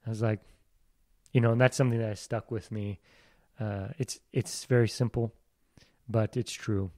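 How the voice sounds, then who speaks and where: A man's voice: lowish voice, fairly even intonation, normal speed, dark tone, no room sound, clean studio sound. Reflective, self-deprecating man. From Iowa. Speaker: actor, podcast guest. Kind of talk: casual interview talk.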